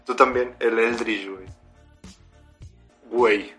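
Bright-voiced Mexican man telling stories. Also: on the low side, steady tone, slow pace. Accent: Mexican Spanish. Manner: slangy, laughs often, acts out quotes. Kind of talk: casual storytelling among friends. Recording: roomy echo, faint music behind.

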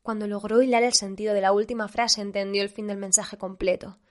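A woman narrating a story in a measured reading voice. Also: medium pitch, flat delivery.

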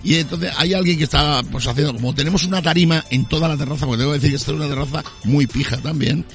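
Gravelly joking talk show host, man. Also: on the high side, rapid-fire, a bit bright, faint music behind. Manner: joking, rambling, self-interrupting. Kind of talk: playful radio-style talk show hosting. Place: outdoor terrace.

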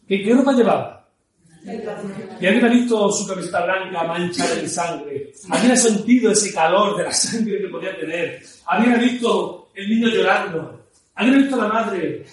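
A man giving a lively, playful talk on storytelling as a public speaking coach, swinging between loud and soft. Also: sits high. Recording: very echoey room, mic far off, faint noise.

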